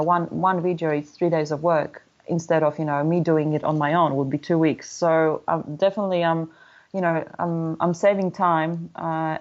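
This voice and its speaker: A woman's voice: low-pitched, darkish tone, highs cut off. A woman in her thirties from Poland with a Polish accent, talking candidly in a casual interview, full of restarts and "you know" fillers. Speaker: guest, motorcycle traveler.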